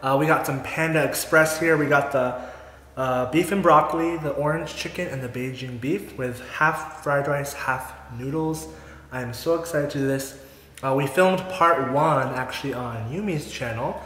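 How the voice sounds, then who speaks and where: A man's voice: mid-range voice, normal speed, a bit bright. A man in his twenties hosting a casual eating vlog, chatty and upbeat, laughing often. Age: 20s. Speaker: vlogger host. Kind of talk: casual mukbang chat. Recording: echoey room, faint noise.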